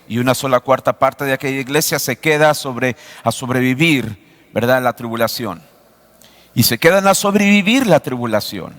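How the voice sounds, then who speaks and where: A man preaches a sermon from the pulpit, his middle-pitched voice rising and falling as he throws rhetorical questions at the congregation. He speeds through some phrases and drags out others. The sound carries a long, ringing reverb from the church hall. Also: a bit bright. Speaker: pastor. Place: church sanctuary.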